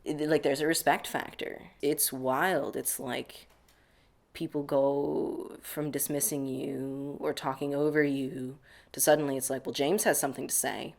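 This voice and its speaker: Speaking unhurriedly in a creaky, medium-pitched voice with little pitch movement, a young adult man from the US reflects casually on interview questions. He fills his answers with lots of "like."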